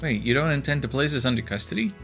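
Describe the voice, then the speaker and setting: A man's voice: medium pitch, expressive, fast, creaky, a bit bright, soft background music. A man voicing a composed young female secret agent, polite and businesslike. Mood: earnest.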